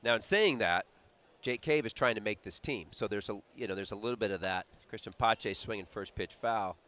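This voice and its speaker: A man doing play-by-play for a baseball broadcast, chatty and animated, mixing calls with lively stories. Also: fairly low pitch, fairly quick. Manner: chatty, animated storyteller with a laugh. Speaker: play-by-play announcer.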